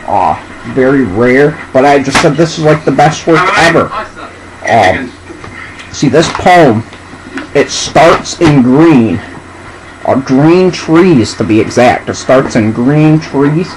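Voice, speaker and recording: A drunk man rambling casually and haltingly as he presents and reads out a poem, drawing words out and losing his thread. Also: medium pitch, lively intonation, noisy background.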